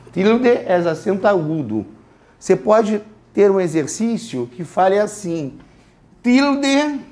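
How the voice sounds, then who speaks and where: A man with a high-pitched voice lectures a class from the front of a classroom. He explains patiently and repeats words aloud, asking students to echo them. He grew up in Brazil. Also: mellow. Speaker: Spanish teacher.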